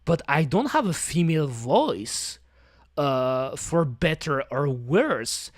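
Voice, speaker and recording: Rambling male streamer, lively pitch. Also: slow, no room sound, clean studio sound. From French-speaking. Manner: rambling, self-talking, many fillers and restarts. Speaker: VTuber streamer. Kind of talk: casual stream chat.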